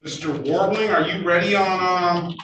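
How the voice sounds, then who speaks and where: A man presiding as judge over traffic court, talking haltingly with repeated words and folksy asides, heard on a courtroom recording. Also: sits high, fairly even intonation, a bit bright. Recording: echoey room, distant mic, noisy.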